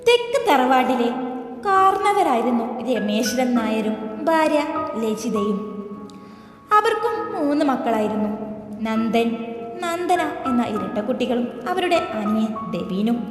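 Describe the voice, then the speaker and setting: A woman voicing a gentle, tender middle-aged mother who speaks to her grown children in a soothing way. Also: a little high, sing-song, unhurried. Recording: echoey reverb with soft music.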